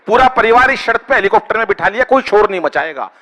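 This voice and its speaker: High, bright-voiced comic poet. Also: male voice, expressive, quick pace, in a large hall, low-quality recording. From Haryana. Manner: bantering with the crowd, coaxing applause. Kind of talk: live stage comedy poetry. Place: live stage before an audience.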